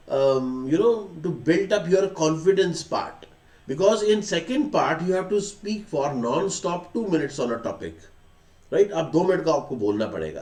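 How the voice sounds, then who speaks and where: A man with an Indian English accent gives a speaking lesson in a mix of Hindi and English. His voice sits a little high, and he drags out his English phrases slowly and deliberately. The room has a noticeable echo. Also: darkish tone. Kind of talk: classroom lecture mixing Hindi and English.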